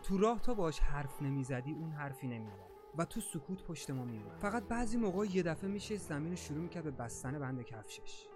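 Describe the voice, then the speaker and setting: Man, slightly high voice, casual slangy storytelling, creepy first-person tale, faint music behind.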